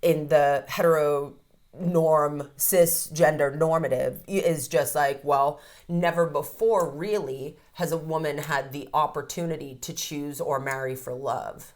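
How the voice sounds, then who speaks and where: A woman's voice: low voice, fairly even intonation, a little slow, a little mellow. A woman in her fifties, a counselor, talking frankly and reflectively in a podcast interview, with the odd casual swear word. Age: 50s. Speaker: codependency counselor and ceremony guide.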